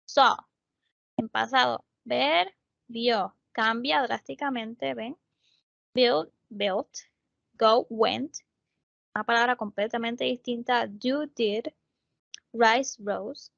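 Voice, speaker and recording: A woman's voice: fairly high pitch, creaky, bright, forceful tone, no room sound, lo-fi sound. A woman tutor with a Puerto Rican accent teaching English verbs over a video call, patiently explaining step by step and often checking in with her students. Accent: Puerto Rican Spanish. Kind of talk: online tutoring lesson.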